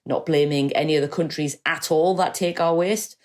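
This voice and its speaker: A woman's voice: sits low, steady tone, normal speed, a little mellow. A woman from the UK co-hosting a podcast, candid and wry, calling herself cynical. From United Kingdom. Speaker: podcast co-host. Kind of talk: casual podcast chat.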